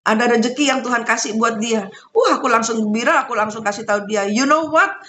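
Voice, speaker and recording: A woman telling spiritual stories in a casual monologue, animated and laughing often. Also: a little high, fast. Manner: animated, laughs often, mixes in Javanese and English. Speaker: spiritual talk host.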